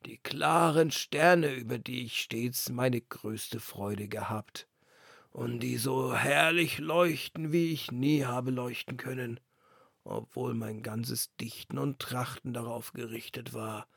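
A fretful old street lantern in a fairy tale, voiced by a man, plaintive and anxious. The tone is slow and slightly gravelly. It is recorded close and dry. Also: medium pitch, fairly bright tone, no room sound, exaggerated voice. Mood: wistful.

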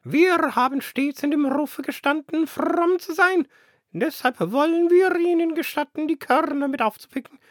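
Old pious pigeon, high and grand, condescending; fairy-tale reading. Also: male voice, moderate pace, a bit bright, no echo, studio quality. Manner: preachy and grand.

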